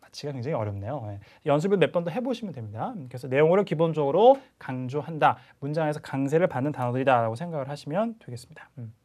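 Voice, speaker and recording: A man's voice: fairly high pitch, expressive, very fast, few pauses, a little mellow. A male English instructor giving a video lecture on listening and word stress, chatty, often checking in with learners and sometimes exaggerating sentences to demonstrate stress. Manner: chatty teacher, frequent "자" and "그죠?" check-ins, sometimes exaggerated demo reading.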